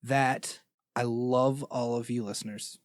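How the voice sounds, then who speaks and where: A man's voice: medium pitch, steady tone, slow pace, no room sound. A young man co-hosting a podcast, joking and rambling in casual banter on a close dynamic mic. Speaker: podcast co-host. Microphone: close dynamic studio mic.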